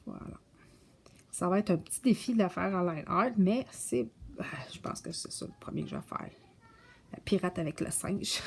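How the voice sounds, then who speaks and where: A woman casually showing her coloring books, soft-spoken and stumbling over English titles. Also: mid-range voice. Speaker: coloring book vlogger. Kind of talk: casual show-and-tell chat.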